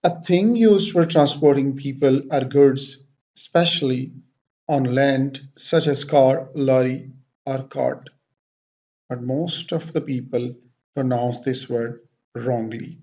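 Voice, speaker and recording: Another pronunciation lesson from the same teacher: he says each English word over and over with deliberate care, alternating between English and Hindi to explain. His mid-range voice sounds warm, though the audio is lo-fi.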